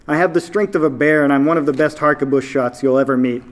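A man's voice: on the high side, quick pace, natural voice. A man reading aloud, voicing an earnest young male adventurer who pleads and protests. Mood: pleading.

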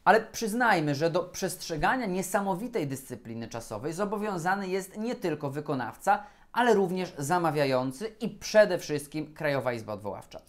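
A man, a lawyer, giving a scripted educational talk on procurement law in a formal, measured and deliberate way. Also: a little high, big pitch swings, faint music behind.

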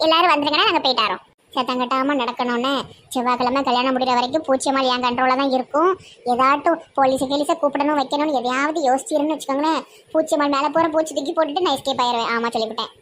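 A woman's voice: high voice, fairly bright tone, slight background noise. A woman playing a brash, scheming bride-to-be in her own voice, with a Tirunelveli Tamil accent. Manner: brash, bragging.

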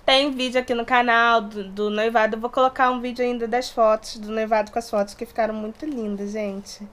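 A YouTuber in her late twenties from Resende, in inland Rio de Janeiro state, chats playfully to a camera held close in front of her in a small bedroom. Her voice is fairly high and fairly quick, with a Brazilian Portuguese accent blending Rio, São Paulo and Minas, and she gestures animatedly with her hands.

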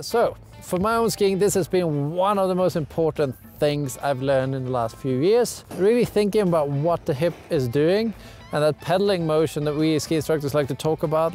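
A young ski instructor with a fairly high, darkish voice delivers a casual lesson to camera. He's outdoors on a mountain, and music plays behind him.

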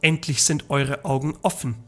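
A man's voice: medium pitch, steady tone, normal speed, close to an everyday voice. A man voicing a cunning, theatrical male elf thief in a storybook read from a game. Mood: mocking.

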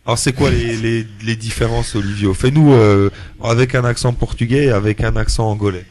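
A man's voice: medium pitch, steady tone, brisk, darkish tone, slight background noise. A man hosting a school radio show, patiently prompting his guests and repeating their answers back to them. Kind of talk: casual radio interview.

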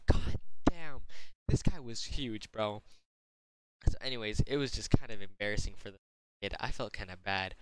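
A man's voice: lowish voice, moderate pace, slight background noise. A teenage man telling a storytime vlog, crude and slangy, swearing constantly and boasting. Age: teens. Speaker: gaming YouTuber.

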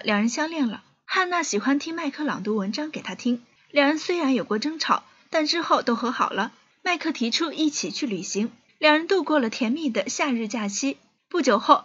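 A woman hosting a film recap channel, telling a movie's story in a steady, scripted narration. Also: high voice, dull audio.

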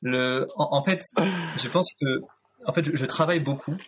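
A man's voice: medium pitch, normal speed, fairly bright tone, slight background noise. A man in his thirties, a guest on a video call interview, speaking thoughtfully with many fillers and restarts. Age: 30s. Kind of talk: casual interview talk. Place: home room, indoors.

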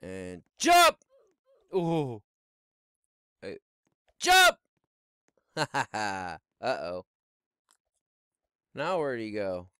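Excitable man gaming with his kid. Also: medium pitch, extremely slow, pauses often, smooth, dry recording, studio quality. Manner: excitable, exclaims and shouts while playing. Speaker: gaming YouTuber. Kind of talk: Let's Play commentary.

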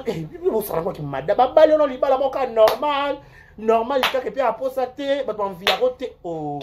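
An online show host with a Congolese accent, giving rambling, animated gossip commentary that repeats words and swings between loud outbursts and mutters. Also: medium pitch.

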